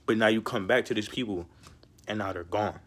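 A man's voice: on the low side, fairly quick. A young man talking casually to camera, rambling and slangy, giving street-style life advice and constantly saying "bro". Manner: slangy and rambling, peppered with "bro" and "you know what I'm saying". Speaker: vlogger.

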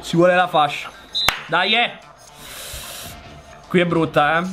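A young man commentating his own football game match, shouting and complaining at the referee. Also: on the high side, slow pace, music in the background. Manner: shouting, exasperated outbursts at the referee. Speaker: gaming youtuber. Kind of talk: excited live game commentary.

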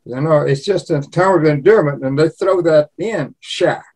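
An older man in his eighties from Louisiana talks in a loose, rambling way. His voice sits a touch high for a man, and he tells his stories as a guest in a casual chat. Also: moderate pace, a little mellow. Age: 80s. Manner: rambling storyteller, slips into regional imitations. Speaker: cookbook author and guest.

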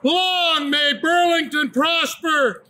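An older man proclaims as a town crier in an extremely high, hard-edged voice. His phrases are loud, declamatory and drawn out at a slow pace. He is recorded outdoors. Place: outdoors in an open paved yard beside a building.

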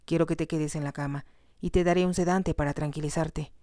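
A woman's voice: sits low, fairly quick, dry recording, clean studio sound, natural voice. A woman reading aloud, voicing a male family doctor who speaks steadily and firmly. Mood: reassuring. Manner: steady, reassuring, stern at times. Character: calm firm family doctor, man.

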